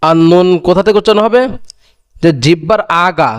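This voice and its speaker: Male Quran teacher, high voice, unhurried drilling, dry close recording. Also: no echo. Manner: drills each letter twice, stretching the sound, then asks and answers his own questions. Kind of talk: slow recitation lesson on Arabic letter sounds.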